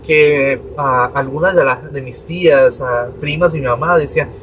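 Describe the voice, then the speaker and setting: Storytelling priest, distant noisy mic. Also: male voice, medium pitch, moderate pace. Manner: lively storyteller acting out his parents' lines. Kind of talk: personal story told in a podcast conversation. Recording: distant mic with steady room noise.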